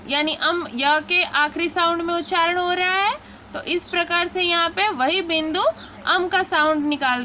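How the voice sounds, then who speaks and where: A woman teaching Hindi pronunciation, talking her students patiently through drawn-out syllable drills. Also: extremely high pitch, pushed and bright, slight background noise. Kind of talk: slow spoken lesson.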